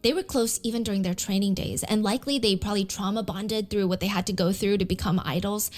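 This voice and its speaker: A woman's voice: mid-range voice, fast talker. A woman telling a true story in a conversational way, reading out text messages and quotes along the way. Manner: conversational, reads out texts and quotes. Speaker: documentary narrator. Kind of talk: storytelling video narration. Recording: narration played with background music.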